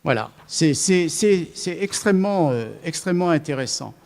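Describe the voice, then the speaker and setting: A man's voice: fairly high pitch, lively intonation, moderate pace, a little mellow. A man giving an academic lecture to a live audience, thinking aloud and often restarting his sentences. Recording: long reverb of a lecture hall.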